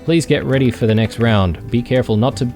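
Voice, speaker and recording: A man voicing a glitching robotic mahjong table that repeats flat announcements and error messages. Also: mid-range voice, a little fast, faint music behind, lightly acted. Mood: announcing. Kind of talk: voicing game characters in a playthrough.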